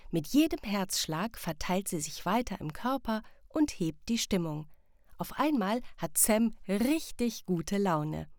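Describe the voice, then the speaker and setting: A woman reading a children's story aloud in a calm, warm, evenly paced manner. Her voice sits in the middle range and is recorded close on a studio mic. The sound is dry, with no room around it. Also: medium pitch, measured pace, no echo. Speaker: narrator. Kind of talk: children's audiobook narration.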